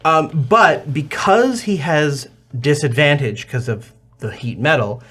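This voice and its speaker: A man running a tabletop game as dungeon master, explaining rules and monster turns in a matter-of-fact way with filler pauses. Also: a little high, big pitch swings, fairly bright tone.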